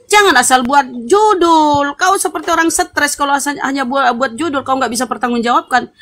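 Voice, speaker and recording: A woman's voice: high-pitched, brisk, a bit bright. A woman hosting an online interfaith debate, lecturing and scolding her opponent, repeating herself for emphasis. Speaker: host of an interfaith debate room.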